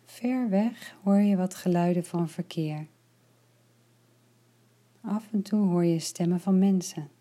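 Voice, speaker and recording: A woman leading a guided relaxation meditation, speaking slowly and softly, at times in a whisper. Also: on the low side. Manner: slow, soft and soothing, partly whispered.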